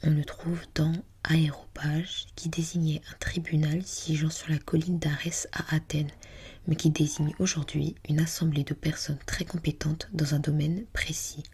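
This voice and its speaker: Low, breathy library whisper from a woman. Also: flat delivery. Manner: hushed, unhurried, murmuring to self while reading. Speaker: ASMR host. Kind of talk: whispered ASMR reading with musing asides.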